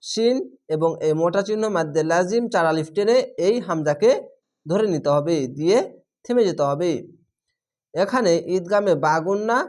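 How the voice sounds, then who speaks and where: Man slowly spelling out Quran recitation. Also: high voice, a little mellow. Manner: slow, drawn-out syllable-by-syllable spelling of Arabic words. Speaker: Quran reading teacher.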